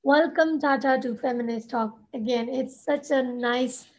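High-voiced woman podcast host. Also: steady tone, measured pace. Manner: chatty, with filler words. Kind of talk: podcast interview. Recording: dull lo-fi audio.

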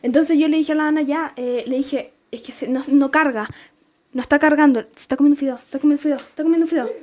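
A woman's voice: high voice, fairly even intonation, quick pace, a little mellow. A teenage girl with a Chilean accent, co-hosting a casual podcast and telling stories with frequent laughter. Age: teens. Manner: chatty, laughs often, storytelling. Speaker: podcast co-host. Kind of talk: casual chat.

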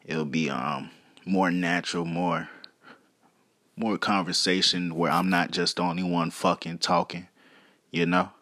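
A man's voice: low voice, steady tone, a little slow, pushed and bright, no room sound. A man hosting a casual solo podcast, rambling in slangy, foul-mouthed talk. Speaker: podcast host.

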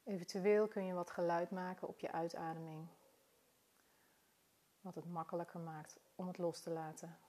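Female meditation guide: soft, calm, mellow delivery, slightly low register, unhurried with long pauses. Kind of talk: guided body-scan meditation.

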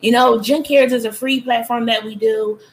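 A woman's voice: a little high, fairly even intonation, moderate pace, poor audio. A woman hosting a community talk show, affirming and enthusiastic in an encouraging, preacherly way. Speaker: host.

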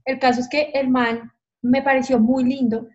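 Frank, animated woman. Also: high voice, moderate pace. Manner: frank, animated, acts out quoted voices. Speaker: podcast guest. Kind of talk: candid storytelling. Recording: dull lo-fi sound.

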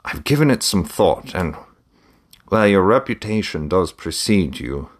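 A man's voice: low-pitched, sing-song, a little slow, heavily acted. A man voicing an eager male fish trader pleading his case in a read-aloud story. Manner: pleading, persuasive.

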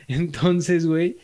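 Young mexican man, high voice, lively slangy storytelling, casual chat. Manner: animated slangy storyteller, shouts quoted lines. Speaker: podcast co-host.

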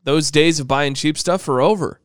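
Teasing young man, smooth dry voice. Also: fairly high pitch, moderate pace, no room sound. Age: 20s. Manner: joking, teasing. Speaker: podcast co-host. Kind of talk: casual chat.

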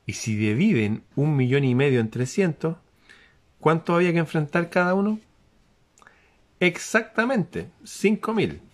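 A man giving a lively spiritual talk to an audience, asking rhetorical questions and dropping suddenly to a hush. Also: on the high side, unhurried. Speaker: motivational speaker.

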